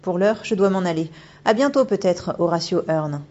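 A woman's voice: fairly low pitch, lively intonation, moderate pace, dark tone, muffled recording. A woman voicing a mysterious, haughty shapeshifting otter spirit in an audiobook, commanding and knowing. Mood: imperious. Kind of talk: audiobook character voice.

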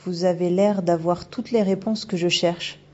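A woman voicing a gentle, curious male ghost in an audiobook, soft and thoughtful. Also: fairly low pitch, steady tone, moderate pace, muffled recording, natural voice. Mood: dreamy. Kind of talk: audiobook character voice.

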